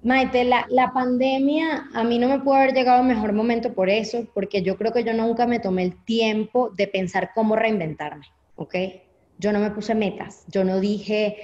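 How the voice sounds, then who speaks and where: Animated Venezuelan woman telling her story. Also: medium pitch. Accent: Venezuelan Spanish. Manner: animated, acts out her own past thoughts. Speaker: interview guest. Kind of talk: candid personal storytelling. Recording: echoey, slightly dull audio.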